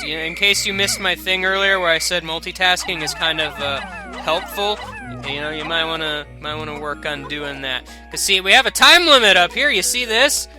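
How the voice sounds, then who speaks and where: Rambling young man with a bright, high voice. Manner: rambling, jokey, with sudden excited outbursts. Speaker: let's play commentator. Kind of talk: casual game commentary.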